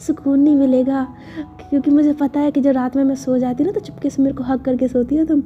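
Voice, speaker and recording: A woman's voice: high voice, little pitch movement, fast talker, warm tone, close to an everyday voice. A woman voicing a playful young wife who teases her partner in a sing-song way, in a dull lo-fi recording. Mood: teasing. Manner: teasing, sing-song taunting.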